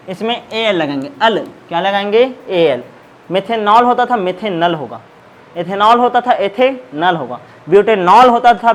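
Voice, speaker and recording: High-voiced man teaching a chemistry class. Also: fairly bright tone, rough recording. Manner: asks the class questions and repeats answers. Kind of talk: classroom lecture.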